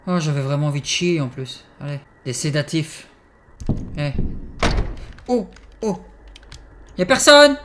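A young man hosting a horror game let's play, excitable and swearing, yelping in fright and then muttering to himself. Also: fairly high pitch, a little slow, long pauses, slight background noise. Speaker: gaming channel host.

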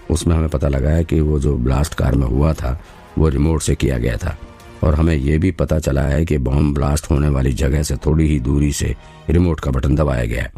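A dutiful senior police inspector voiced by a man in an audio drama. He talks with respectful earnestness in a very deep, dark voice. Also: vocal fry, breathy edge, heavily acted.

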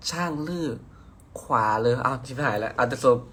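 A man's voice: mid-range voice, fairly quick, a bit bright, husky. A young man from hosts a casual phone live stream. He reads out viewer comments in a playful, teasing way and swears casually. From Nakhon Si Thammarat, southern Thailand.

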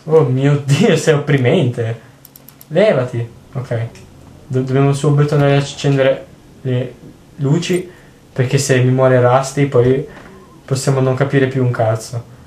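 A man giving casual, excitable let's play commentary, swearing constantly and crying out at the game. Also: medium pitch, a little slow. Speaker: gameplay commentator. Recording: roomy home recording, faint noise.

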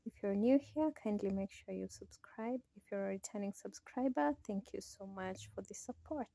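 Young Kenyan woman vlogger, chatty voice-over, close and dry, slight fry. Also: medium pitch, normal speed, dark tone, dry recording. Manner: chatty, directs viewers. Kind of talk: voice-over travel vlog narration.

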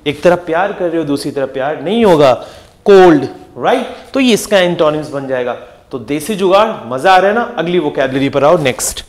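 A young man teaching English vocabulary for exams in an energetic lesson, repeating each word and firing quick questions at his students. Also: fairly high pitch. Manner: lively, repeats words and asks quick questions to the class. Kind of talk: energetic exam-prep lesson.

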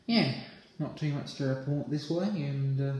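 A young Australian man with a fairly high, darkish voice chats casually at normal speed as an amateur radio operator, dropping in radio jargon. He's in a small indoor room recording on a phone held at arm's length, so there's roomy echo and slight hiss.

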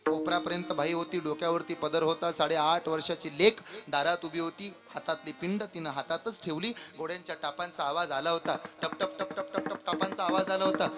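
A man preaching a devotional kirtan sermon before a live audience. He tells stories dramatically, dropping to hushed asides and then rising into loud declamation. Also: fairly high pitch.

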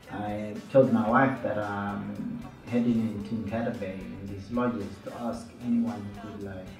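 A man in his thirties, a musician from Zambia, answering interview questions in a relaxed, unhurried way with fillers. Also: lowish voice. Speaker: musician guest. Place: small studio room, indoors. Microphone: studio mic on stand, headphones. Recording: roomy, slightly distant mic with music underneath.

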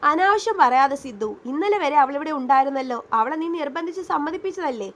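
A woman's voice: high-pitched, expressive, fairly quick, highs cut off. A woman voicing a stern, scolding woman in a spoken romance story. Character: stern older woman, Anjali.

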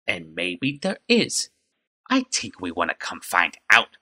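A man voicing a crude, menacing male goblin in a rough, guttural voice for a fan audiobook. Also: sits low, wildly swooping pitch, slow, pushed and bright, full character voice.

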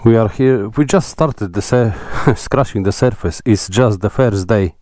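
A man's voice: lowish voice, measured pace, a little mellow, no echo, studio quality. A man, chatting casually and exclaiming at the scenery while riding a motorcycle outdoors, recorded on a helmet mic. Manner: awed, exclaiming at views. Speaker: motorcycle vlogger. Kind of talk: casual ride commentary. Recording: engine and wind noise.

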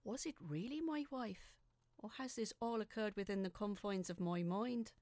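A woman narrates scripted first-person fiction with a deliberate, suspenseful, theatrical delivery. Her mid-range voice is slightly mellow, and the recording has no room sound.

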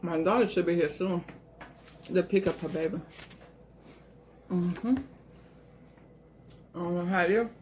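A woman's voice: lowish voice, measured pace, pauses often, a little mellow, slight background noise. A middle-aged woman vlogger chatting casually to viewers at home while eating, mouth partly full, rambling from one thought to the next. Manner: rambling, talks to viewers as y'all.

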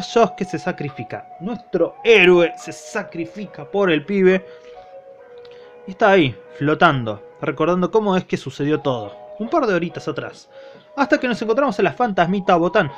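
A man with an Argentine accent recapping a comic in a casual, slangy way, acting out bits of the characters' lines. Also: high voice. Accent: Argentine Spanish. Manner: slangy, lively retelling that acts out the characters' lines. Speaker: manga reviewer.

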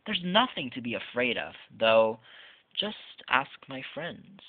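A man reads the lines of a playful, fearless little girl from a Halloween storybook, sounding chirpy and coaxing. His mid-range voice has a sing-song quality at a measured pace, and the audio is tinny, phone-like lo-fi with no room sound.

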